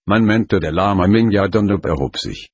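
A man reading a first-person story aloud in a steady, measured way. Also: fairly low pitch, husky, no room sound. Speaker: audiobook narrator. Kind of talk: scripted first-person narration.

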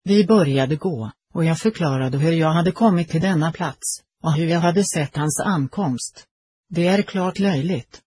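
Husky, mellow male story narrator. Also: on the high side, hardly any pauses, no room sound. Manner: even, first-person storytelling.

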